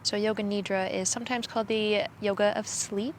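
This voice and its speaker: Woman, yoga teacher, soothing, slow guidance, flat even pitch, faint outdoor hiss. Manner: calm, soothing, slow instructions. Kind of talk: guided yoga and meditation instruction. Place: outdoors in a cemetery.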